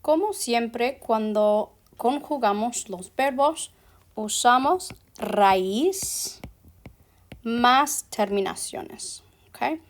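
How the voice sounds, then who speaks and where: A female Spanish teacher with a somewhat high voice works through verb endings at a very slow, careful pace, sounding animated. She mixes English fillers like "so" and "ok" into what she says.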